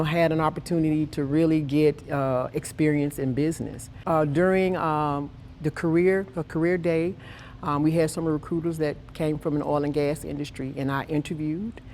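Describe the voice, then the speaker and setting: A woman's voice: sits low, a little mellow. Woman, enthusiastic, emphatic, panel guest, faint background noise. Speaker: guest, methanol industry employee. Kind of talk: panel interview.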